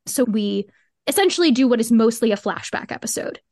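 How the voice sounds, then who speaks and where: In a clean studio recording with no echo, a woman with a fairly high, slightly mellow voice speaks animatedly and a bit fast. As a guest co-creator of a fiction podcast, she offers lengthy, earnest, reflective answers in a conversational interview.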